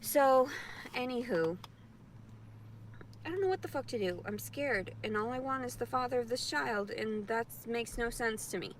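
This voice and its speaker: A woman's voice: fairly high pitch, lively intonation, normal speed, a little hiss or hum. A distressed woman ranting tearfully and repetitively to her camera in a vlog, in pain and upset. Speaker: vlogger. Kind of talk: emotional vlog rant.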